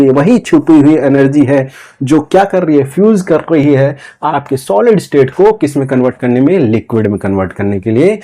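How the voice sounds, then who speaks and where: A man's voice: a little high, mellow. A man lecturing a class, asking questions and answering them himself, repeating key phrases again and again. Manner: repetitive call-and-response questioning, drawn-out key words. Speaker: teacher.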